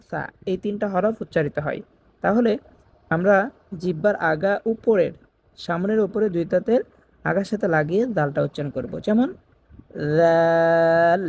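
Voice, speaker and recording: A man teaching Quran reading, slowly repeating each Arabic letter sound and explaining where in the mouth it is made. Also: high-pitched, vocal fry, a little mellow. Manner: chants the Arabic opening phrases in a drawn-out sing-song.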